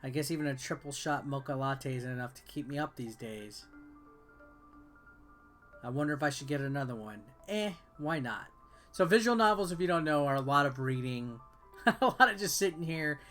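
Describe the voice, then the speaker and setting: The speaker is a man who hosts videos and reviews games; his voice sits on the high side and sounds animated and a bit bright, at a moderate pace. He offers offhand, casual commentary on the gameplay, reads game text aloud, and game music plays along.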